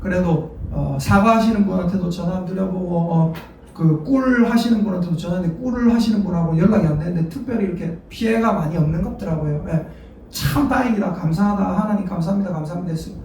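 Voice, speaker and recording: A pastor preaching a sermon in a lively way, prompting the congregation to answer and repeat after him. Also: medium pitch, fast, slight background noise. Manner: lively, calls for congregation responses. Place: church sanctuary. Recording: echoey church hall, mic far off.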